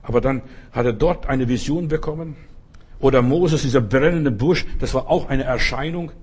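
A man delivers a sermon in a husky, slightly breathy voice, speaking emphatically, repeating phrases for weight, and addressing the listener directly. His pitch is medium, his speed normal, and his tone a little mellow.

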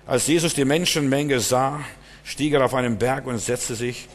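A man's voice: mid-range voice, moderate pace, big-room sound. A man preaching a sermon, retelling a story with many fillers and repeated words.

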